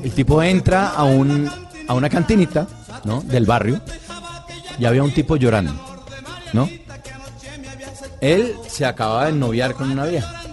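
Male guest, relaxed storyteller, mid-pitched voice, joking radio chat. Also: normal speed, pauses often, over music. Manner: laid-back, joking storyteller. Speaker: guest actor.

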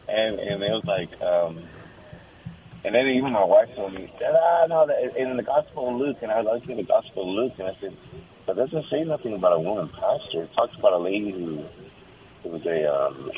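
Low-voiced man calling in by phone. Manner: halting, restarts often, chuckles. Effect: heard over a phone line. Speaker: caller. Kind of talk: casual call-in chat.

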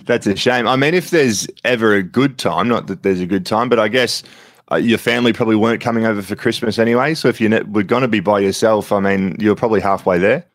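A man's voice: fairly low pitch, fast. An Australian man hosting a podcast interview from home, friendly and chatty, a bit throaty with covid. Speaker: podcast host.

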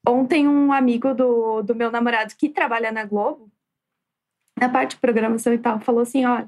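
A woman with a soft, near-whispering voice, chatting casually as a guest. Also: fairly high pitch, fairly even intonation, a little fast. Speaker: guest, architect. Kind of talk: casual chat.

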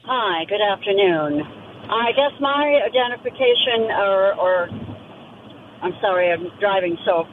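A woman's voice: medium pitch, animated, measured pace. Middle-aged female caller, driving, on a thin phone line; firm, plainspoken. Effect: phone call from a car while driving. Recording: tinny phone line with faint road noise.

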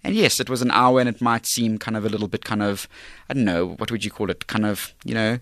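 A man's voice: lowish voice, fairly even intonation, fast, a bit bright, dry recording, studio quality. A South African man talking as a theatre director in an interview, earnest and emphatic, repeating phrases as he builds his thoughts. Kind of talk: conversational radio interview.

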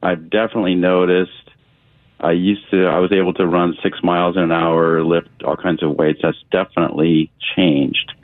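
A man in his sixties calling in to a radio show, talking haltingly with restarts and clearing his throat. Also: sits low, level tone, no echo. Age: 60s. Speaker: caller. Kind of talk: call-in question. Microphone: telephone. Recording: phone line.

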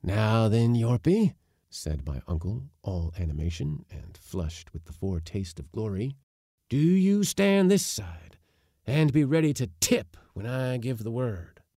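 A man voicing an excitable, secretive old uncle who gives urgent hissed whispers and sharp commands. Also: low-pitched, unhurried, breathy edge, no room sound, clean studio sound, exaggerated voice. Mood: exultant.

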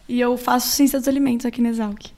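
Young woman, early twenties, higher pitch, relaxed explainer, student leader. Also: moderate pace. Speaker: student council president. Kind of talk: casual interview answers. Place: room shared with others.

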